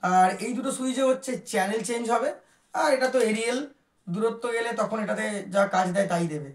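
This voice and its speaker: A female vlogger with a fairly high voice presents a product at a quick pace, chatting casually to viewers and mixing in English words. Her unboxing commentary is recorded in an echoey room.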